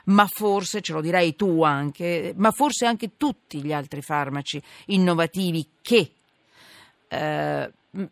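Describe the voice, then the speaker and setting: A woman's voice: fairly low pitch, slow, dry recording, clean studio sound. A woman presenting a live current affairs radio show in an informal, emphatic way, wandering and repeating herself. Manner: informal, emphatic, digressive with repetitions. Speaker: radio host. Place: radio studio. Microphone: studio broadcast microphone.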